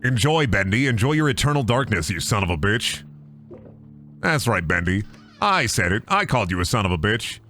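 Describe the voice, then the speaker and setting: A man riffing through a game stream with crude jokes and sudden outbursts. His pitch bounces around lively, and his voice sounds bright and forward. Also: moderate pace, faint music behind. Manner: crude, joking, animated. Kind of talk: comedic let's-play commentary.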